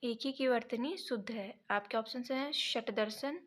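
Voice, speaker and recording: A woman teaching an exam prep lesson, reading each option and then correcting it step by step, sometimes pausing to check her notes. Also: on the high side. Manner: pauses to check notes mid-sentence.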